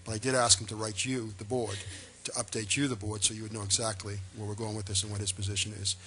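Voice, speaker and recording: A man with a bright, forceful voice addresses a town board from a meeting-room table microphone. He speaks emphatically and reassuringly, with formal courtesy. His delivery sounds like an official giving public testimony. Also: lowish voice, level tone, quick pace, a little hiss or hum.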